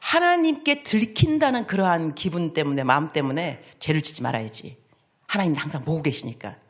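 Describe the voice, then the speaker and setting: A middle-aged woman missionary preaching a sermon in church, animated and playful, acting out little voices as she goes. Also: low voice, brisk. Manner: animated, acts out voices of children and God, playful asides. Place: church sanctuary.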